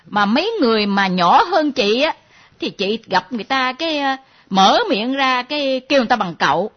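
A woman's voice: a little high, brisk. A woman doing a nosy, teasing younger friend. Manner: teasing, lively, mimicking. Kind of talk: comedy sketch acting. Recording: dull lo-fi recording.

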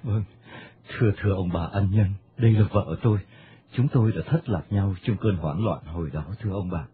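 A man's voice: lowish voice, fairly quick, slight background noise, natural voice. Man voicing an anguished grieving husband. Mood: choked. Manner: choked, emotional, polite. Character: grieving husband, emotional middle-aged man. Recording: tinny medium-wave radio broadcast.

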